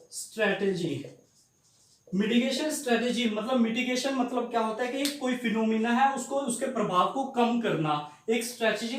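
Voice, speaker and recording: A man giving an exam-prep lecture to camera, asking and answering his own questions to drill each point, emphatic and promising. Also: sits high. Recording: echoey room.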